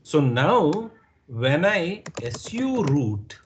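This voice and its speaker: Indian English instructor, patient, repeats things, slightly high voice, faint hiss behind. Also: male voice, very animated, extremely slow. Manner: patient, repeats and checks understanding. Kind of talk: live online class teaching.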